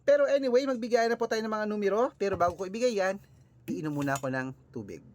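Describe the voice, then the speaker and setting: Man, Filipino vlogger, lively chatty host, slightly high voice. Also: fast. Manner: lively, chatty, repeatedly addresses viewers. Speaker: lucky-number vlogger. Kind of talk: casual vlog, reading out numbers. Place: early morning, on his way out, with cars passing.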